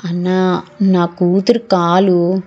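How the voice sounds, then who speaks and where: A woman playing a slow, timid, pleading village father. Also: high-pitched, warm tone. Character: poor worried village father, middle-aged. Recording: muffled lo-fi, faint music.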